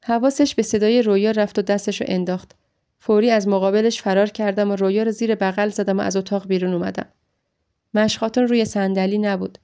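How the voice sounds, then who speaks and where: A woman reading a first-person story aloud in a steady, emotional storytelling manner. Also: medium pitch, smooth. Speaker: audiobook narrator.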